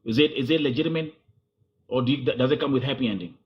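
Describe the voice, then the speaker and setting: Fast-talking male interviewer. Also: medium pitch. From Kenya. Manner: pushy, probing, repeats himself. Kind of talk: confrontational interview. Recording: dull lo-fi sound.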